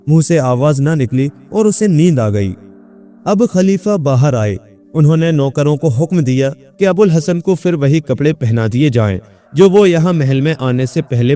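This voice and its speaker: A man narrating a folk tale in a steady, measured storytelling voice. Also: fairly high pitch.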